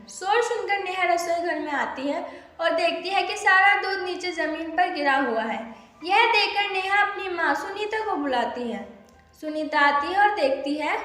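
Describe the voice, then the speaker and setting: Woman storyteller, high bright voice, plain storybook reading, echoey room with music behind. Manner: reads plainly, briefly voices each character. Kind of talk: storybook narration for a moral tale.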